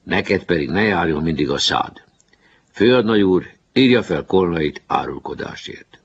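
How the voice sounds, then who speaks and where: A man's voice: low-pitched, animated, gravelly, slightly rough, muffled recording, heavily acted. A man voicing a fair-minded boy captain giving firm orders in a storybook reading. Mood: stern. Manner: firm, commanding.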